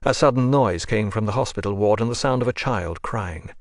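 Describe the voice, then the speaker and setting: A man reads a classic novel aloud in a measured, even manner. His voice sits on the low side, and the recording is close and dry with no room sound. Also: no room sound. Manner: measured and even, lifting his voice gently for dialogue. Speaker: audiobook narrator. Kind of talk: audiobook narration of a classic novel.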